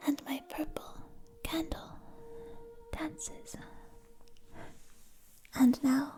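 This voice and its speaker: A woman whispering a poetic ASMR monologue right in the listener's ear on a close binaural mic, in breathy, deliberate, lyrical phrases with long pauses. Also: sits high, steady tone, mellow. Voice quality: breathy, mostly unvoiced whisper. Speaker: ASMR performer. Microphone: close binaural ASMR microphone.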